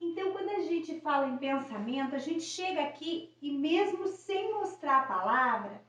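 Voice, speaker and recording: A woman's voice: high-pitched, animated, normal speed, fairly bright tone. A woman giving a teaching lesson on early reading. She talks in a patient explaining manner, keeps checking in with the viewer, and stretches out syllables when she models words for children. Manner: frequent tag questions and checking in with the viewer. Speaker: educator. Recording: echoey, dull audio from a distance.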